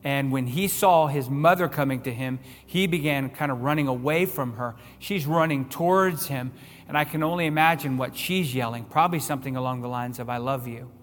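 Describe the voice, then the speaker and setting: A man's voice: mid-range voice, a little fast, long reverb tail. A man preaching a sermon as pastor, building to emphatic raised-voice questions. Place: church sanctuary.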